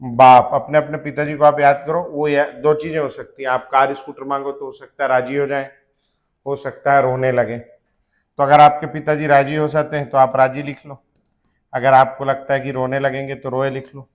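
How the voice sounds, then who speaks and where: A man's voice: mid-range voice, little pitch movement, normal speed. A male teacher giving a classroom chemistry lecture, chanting element names in rhythm and joking with students. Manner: addresses students as beta, jokes about fathers.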